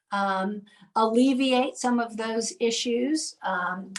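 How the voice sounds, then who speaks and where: A woman, a nonprofit founder, telling lively anecdotes in casual conversation with many filler ums. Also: fairly high pitch, far from the mic, poor audio. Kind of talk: conversational storytelling.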